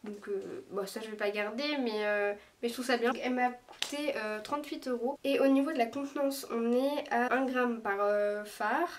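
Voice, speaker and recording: A woman with a slightly high voice chats her way through a makeup review, pausing and hesitating often. She sounds a little distant from the microphone, as if filming herself across a daylit room. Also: a little hiss or hum. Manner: chatty, hesitant, lots of small pauses. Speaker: beauty vlogger. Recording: voice a bit far from the mic.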